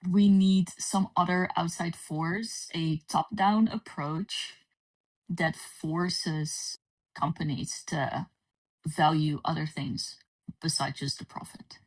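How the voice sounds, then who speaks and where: A Dutch woman chatting casually on a livestream, her voice echoing distantly as if in a cave. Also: deep voice. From Netherlands. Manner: casual, relaxed talk with frequent pauses. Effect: distant cave-like echo on her voice. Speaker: livestream guest. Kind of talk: casual chat. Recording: distant, echoey stream audio.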